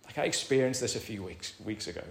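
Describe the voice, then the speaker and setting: A man with a British accent preaching a sermon in a conversational way, calling the congregation "folks" and swinging between loud emphatic lines and soft quiet asides. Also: lowish voice, animated, fast talker, vocal fry, slight background noise. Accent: British English. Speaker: pastor. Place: church hall. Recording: roomy church hall with faint ambience.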